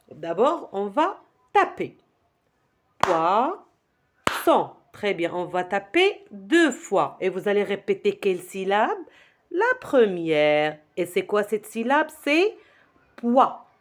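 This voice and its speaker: A woman teaching a reading lesson to young children, slowly sounding out words and repeating them for the class to echo. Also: on the high side.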